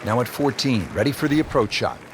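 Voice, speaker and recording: Over clear crowd noise and outdoor ambience, a male golf commentator played by an actor calls the tournament for a video game broadcast. His pitch is mid-range and his delivery is that of a measured, scripted TV announcer. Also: expressive, natural voice. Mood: measured, admiring.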